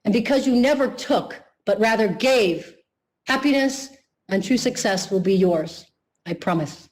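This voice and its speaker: A woman's voice: medium pitch, lively intonation, darkish tone, rough recording. Earnest woman giving a motivational speech. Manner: earnest, deliberate, slows for emphasis. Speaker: keynote speaker.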